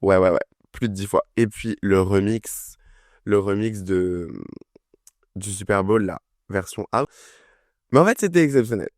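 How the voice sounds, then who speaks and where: Chatty young man with a low voice. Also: a little slow, darkish tone, dry recording, studio quality. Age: young adult. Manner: enthusiastic, chatty, full of fillers. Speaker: music review vlogger. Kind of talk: casual chat.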